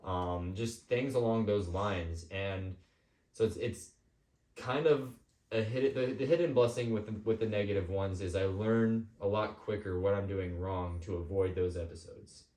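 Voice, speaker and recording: A man hosting a podcast, talking casually and personally in an informal, somewhat halting way. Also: fairly low pitch, darkish tone. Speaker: podcast host. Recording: echoey room.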